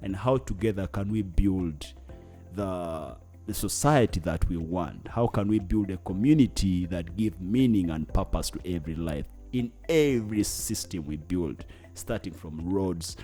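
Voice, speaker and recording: In an interview conversation, a northern Ugandan climate activist talks earnestly in Ugandan-accented English, sometimes stalling to find words. His low, mellow voice moves at a measured pace with lively intonation, and faint music plays in the background.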